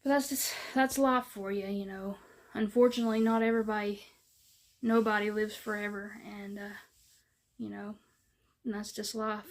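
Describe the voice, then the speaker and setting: A vlogger chats casually to camera in a folksy, rambling way full of fillers. Her mid-range voice is steady and moderately paced.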